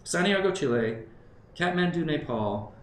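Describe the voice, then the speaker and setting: A man's voice: a little high, animated, normal speed. A man in his fifties from Southern California giving a conversational conference presentation to a live audience, often checking in with his listeners and thinking aloud. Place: conference room. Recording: roomy live talk recording with faint background noise.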